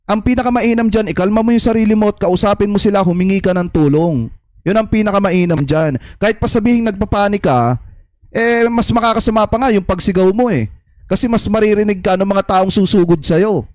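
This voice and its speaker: A man with a Filipino accent speaks in a notably high voice, talking straight to his viewers as a political commentator. His delivery is chatty and repetitive. The recording is dry and close, with no room sound. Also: a little fast, darkish tone, no room sound. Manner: addresses audience as "mga kababayan", chatty, repetitive.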